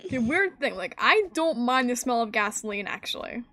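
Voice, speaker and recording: A woman's voice: on the high side, lively intonation, fairly quick, bright, forceful tone, no echo. A woman hosting a stream in casual chat, rambling and giggling often. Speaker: streamer host.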